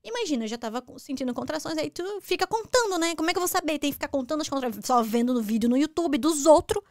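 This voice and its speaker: A young Brazilian woman with a Brazilian Portuguese accent, a talk show guest telling her story in animated, casual conversation with frequent restarts. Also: sits high, quick pace, no room sound, clean studio sound.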